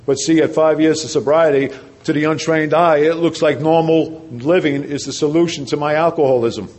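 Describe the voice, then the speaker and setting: This older man from New Jersey is a recovery speaker giving his testimony in a large convention hall, with a steady tone and moderate pace. His personal story comes across as conversational and self-deprecating, and he drops his voice low and quiet for emphasis.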